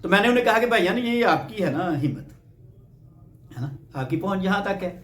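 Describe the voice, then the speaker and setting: In a roomy, echoing space, a Pakistani man lectures on Bible teaching with a high-pitched, animated, fairly bright voice, taking it step by step and checking in through rhetorical questions.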